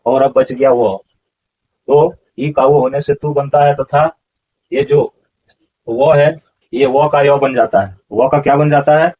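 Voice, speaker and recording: A man's voice: mid-range voice, steady tone, measured pace, long pauses, phone-quality sound. A man explaining scripture verses as a teacher, patiently repeating pronunciations syllable by syllable. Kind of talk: explanatory lesson.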